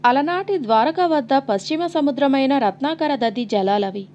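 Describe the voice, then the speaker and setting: High-voiced woman reading a novel dramatically. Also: moderate pace, a little hiss or hum. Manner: dramatic, expressive storytelling. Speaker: audiobook narrator.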